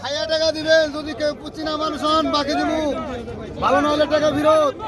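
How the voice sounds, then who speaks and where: A Bangladeshi man working as a fish auctioneer, calling out bids in a repetitive, rapid chant. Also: extremely high pitch, level tone, a loud crowd. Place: busy fish wholesale market. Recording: busy crowded outdoor market noise.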